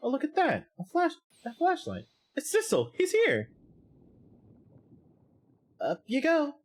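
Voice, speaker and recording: A woman voicing an eager, loyal little male dog in a video game, squeaky and yelping with excitement. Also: takes it slowly, faint music behind, exaggerated voice. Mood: excited. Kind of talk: reading game dialogue aloud on a stream.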